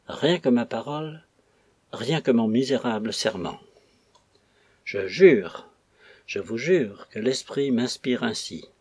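A man's voice: medium pitch, darkish tone, slightly rough, no room sound. A man reading a novel aloud, voicing an old, clumsy country priest who pleads with fervent anguish. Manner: pleading, impassioned outbursts. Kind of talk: audiobook reading.

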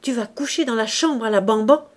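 A woman's voice: fairly high pitch, brisk, close to an everyday voice. A woman reading the lines of a spiteful sister-in-law who cries out in scorn. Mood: scornful.

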